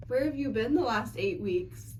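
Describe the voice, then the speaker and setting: A young woman acting as a student team leader in a class skit, brisk and direct. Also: a little high, animated, close to an everyday voice. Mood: businesslike. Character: young female team leader keeping group on track. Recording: clicking noise over the voice.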